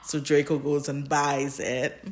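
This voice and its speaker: Slow and level in tone, this woman's deep voice carries her casual podcast chat. As co-host, she rambles giggly and informally about fan fiction.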